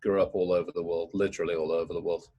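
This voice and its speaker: A middle-aged man, a guest in a casual interview, talking in quick, rambling stories. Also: deep voice, flat delivery, husky, muffled recording. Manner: fast, rambling storytelling.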